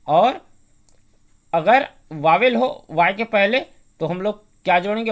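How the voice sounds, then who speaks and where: Broadcast grammar teacher, mid-pitched, spells words out letter by letter, answers their own questions. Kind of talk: televised grammar lesson.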